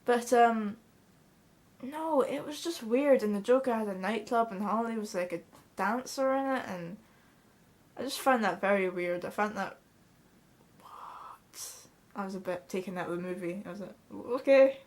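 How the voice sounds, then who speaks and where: A young Scottish woman vlogs to a camera held close in front of her in a small bedroom, chatting casually, bluntly, and swearing freely. Her voice is mid-range with a darkish tone and a moderate pace.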